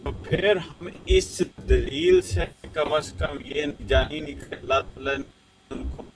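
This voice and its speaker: A man's voice: a little high, noisy background. Man on a call that keeps cutting out. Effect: breaking-up online call connection. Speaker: debate participant. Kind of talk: religious debate on a call.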